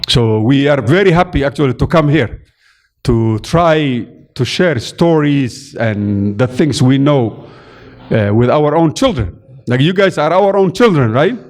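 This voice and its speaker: A man in his fifties with a Somali accent tells a folk tale to children and draws lessons from it. He keeps checking in with "right?" as he goes. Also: fairly high pitch. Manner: warm teaching tone, many "right?" checks. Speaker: storyteller speaking to children. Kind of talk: folk tale and talk to kids. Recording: roomy hall with faint noise.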